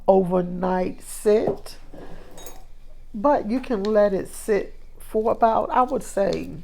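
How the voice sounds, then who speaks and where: A woman's voice: mid-range voice, creaky, darkish tone. A woman chatting in a homey, casual way while demonstrating a recipe in her kitchen, with frequent fillers. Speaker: cooking vlogger.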